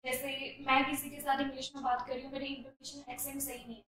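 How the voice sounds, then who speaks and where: A woman with an Indian accent teaching IELTS essay writing, mixing Hindi and English, reading sample sentences slowly and explaining them step by step. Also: high-pitched, level tone, a bit bright, echoey room, distant mic, rough recording.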